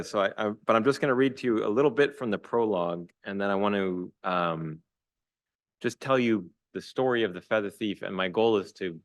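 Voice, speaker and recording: A man's voice: low-pitched, fairly bright tone, no room sound. A man from Chicago giving a talk as a guest author and reading from his book, chatty and informal, with frequent ums and restarts. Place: lecture hall.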